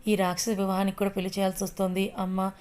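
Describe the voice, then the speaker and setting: Story figure: a woman reading a gentle, pious older priest, level tone. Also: mid-range voice, completely flat delivery, very fast, lightly acted. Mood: resigned. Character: older male temple priest, meek and pious.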